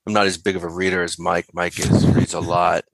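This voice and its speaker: A man's voice: deep voice, little pitch movement, creaky, dry recording, poor audio. A man co-hosting a podcast, chatting casually and easygoing, speaking openly about himself. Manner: easygoing, quick to laugh, speaks of himself candidly. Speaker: podcast co-host. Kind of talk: casual chat.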